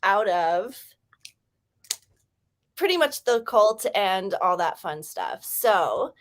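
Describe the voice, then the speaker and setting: A woman hosting a casual writing livestream, hyper and chatty, rambling with quick restarts. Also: mid-range voice, animated. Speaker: livestream host running writing sprints.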